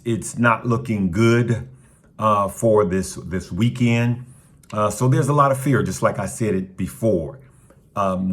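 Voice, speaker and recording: A man hosting a casual stock market update for his viewers, talking in a relaxed, conversational way with frequent ums and uhs, his voice still rough from the morning. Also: fairly low pitch. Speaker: stock market channel host.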